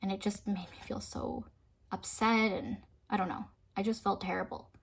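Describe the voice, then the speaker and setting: A woman vlogger telling a personal story in an earnest, emotional way, sometimes dropping to a soft hush. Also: medium pitch, steady tone, normal speed, creaky, slight background noise. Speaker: fitness vlogger.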